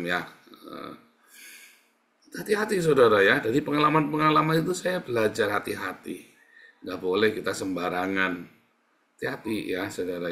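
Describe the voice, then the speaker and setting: A male pastor preaching in casual, conversational style, asking rhetorical questions and answering them himself, swinging between loud emphatic peaks and quiet asides. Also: low voice. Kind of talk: sermon.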